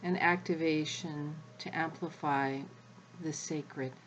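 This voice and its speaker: Slow, low-voiced woman guiding an energy session. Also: steady tone, a little hiss or hum, low-quality recording. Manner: measured, with long pauses between short phrases. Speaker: spiritual guide leading an energy session. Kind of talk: slow guided energy activation.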